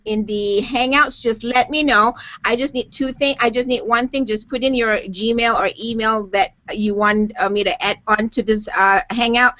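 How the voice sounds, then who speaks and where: A woman's voice: fairly high pitch, pushed and bright, no echo. A woman hosting a casual live web show, chatting and reading viewer questions aloud over a video call. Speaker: host. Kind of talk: casual live-stream chat. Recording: dull lo-fi web stream audio.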